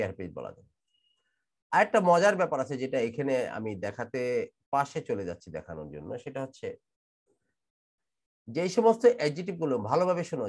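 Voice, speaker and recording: Speaking into a computer mic during an online class, a Bangladeshi man with a medium-pitched voice and a Bangladeshi accent teaches English grammar. He explains the rules slowly, repeating words and spelling them out.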